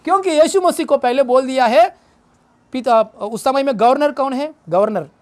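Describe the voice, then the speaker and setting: A pastor preaching a Good Friday sermon, questioning the congregation and repeating phrases for emphasis. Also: male voice, very high-pitched, moderate pace, darkish tone. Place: church service.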